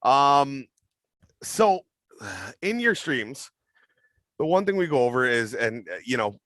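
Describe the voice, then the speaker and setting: A man's voice: medium pitch, big pitch swings, slow pace, fairly bright tone, no room sound. Man hosting a casual interview, dry sound. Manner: friendly, rambling questions. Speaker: podcast host.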